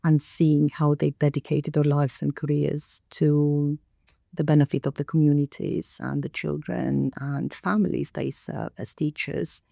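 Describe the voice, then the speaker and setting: Low, gravelly-voiced woman from Romania. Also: level tone, warm tone, no room sound, clean studio sound. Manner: measured, thoughtful, many pauses and fillers. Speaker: guest, council director. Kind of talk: podcast interview.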